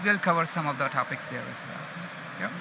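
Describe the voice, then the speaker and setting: A man from India, a data engineering manager, gives an expressive, slightly fast and slightly high-voiced conference presentation in an Indian accent. His style is informal and conversational, with frequent check-ins, and loud ambient noise from the busy exhibition hall surrounds his open-stage talk.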